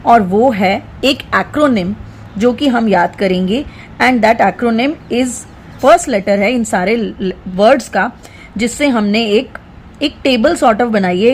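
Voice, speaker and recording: Slow, higher-pitched woman teaching English. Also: slight background noise. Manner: explains in Hindi, switching to English for examples. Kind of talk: spoken English lesson.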